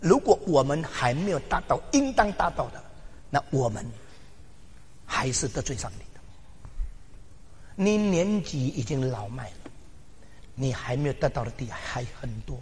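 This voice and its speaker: An older man preaching a sermon, emphatic, swinging from loud exclamations to quiet asides and slipping into English phrases. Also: mid-range voice, animated, normal speed, a little hiss or hum. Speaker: pastor. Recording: long hall reverb.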